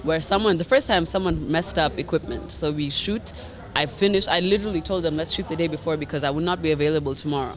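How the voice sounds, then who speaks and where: Podcast guest: woman, deep magnetic low register, talks quickly in relaxed conversation. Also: a crowd in the background. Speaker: podcast guest, singer and presenter. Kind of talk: casual podcast chat.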